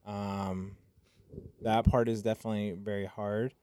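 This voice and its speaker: A man's voice: fairly low pitch, flat delivery, unhurried, mellow, clean tone, no room sound. A young man from Phoenix chatting casually on a podcast, laid-back and rambling with lots of fillers, a little tipsy and loopy. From Phoenix, Arizona. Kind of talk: casual chat.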